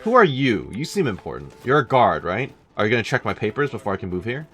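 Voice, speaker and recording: A man's voice: lowish voice, big pitch swings, fast, a bit bright, faint music behind. A man commentating casually as he plays a game, thinking aloud in a dry way. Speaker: gaming let's-player.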